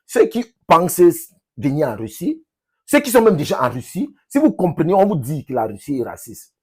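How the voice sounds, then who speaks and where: A man from Cameroon with a Cameroonian French accent, talking casually to his subscribers in an emphatic, repetitive, halting way. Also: on the high side, wildly swooping pitch, dark tone, breathy edge. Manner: emphatic, repeats phrases, halting with restarts. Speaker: vlogger, language teacher.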